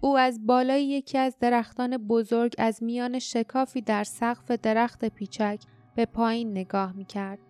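A woman narrating a fantasy audiobook in a steady, dramatic storytelling manner. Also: a little high, smooth, soft background music. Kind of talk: scripted narration.

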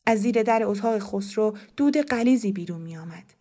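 Woman, audiobook narrator, measured storytelling, mid pitch. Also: dark tone. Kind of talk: scripted narration of a novel.

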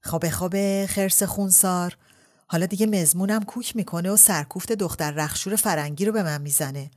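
A quick-tempered older noblewoman from a storybook, put on by a woman reader, full of biting retorts. Her voice sits low and dark, and she scolds with raised force. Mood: scolding, indignant.

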